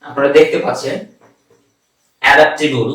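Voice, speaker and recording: A man with a Bangladeshi accent teaching an online English pronunciation class. He says each word slowly several times and then gives its meaning. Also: mid-range voice, fairly even intonation, fairly bright tone, heavy reverb, recorded from a distance, rough recording. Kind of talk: online language lesson.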